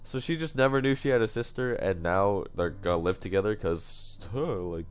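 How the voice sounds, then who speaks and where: Low-voiced young man gaming. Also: animated, normal speed. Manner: casual, swearing, reacting. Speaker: gamer. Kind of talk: game playthrough commentary.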